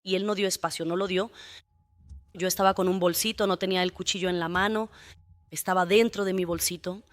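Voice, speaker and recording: A woman's voice: lowish voice, fairly even intonation, brisk, dry recording. A woman testifying as a defendant in court, giving a long, detailed account and often adding tag questions.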